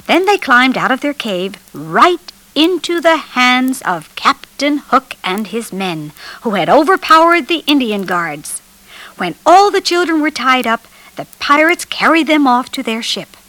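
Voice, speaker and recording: A woman's voice: sits high, big pitch swings, a little slow, sharp tone, dry recording. A woman reading a children's storybook aloud as narrator, telling it expressively.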